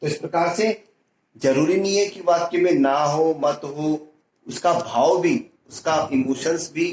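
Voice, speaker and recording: A man's voice: medium pitch, echoey room, low-quality recording. A male teacher explaining a grammar lesson to students, acting out example sentences and often checking if they follow.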